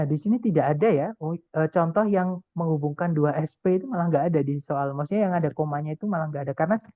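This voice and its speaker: A man's voice: a little high, dry recording. A man tutoring an online class, explaining step by step and often addressing the group directly. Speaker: TOEFL tutor. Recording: tinny call audio, dry.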